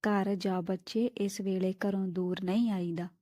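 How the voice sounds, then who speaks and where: Lady reading as a kind old holy man, gentle, coaxing, even flat tone. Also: medium pitch, unhurried, no room sound, studio quality, lightly acted. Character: gentle older male wandering ascetic, kindly guru.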